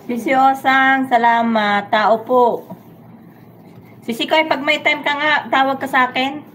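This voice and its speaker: A woman co-host tosses in quick, bantering remarks on a casual home live stream. Her voice sits a bit high, with a steady hiss of noise underneath from the live feed.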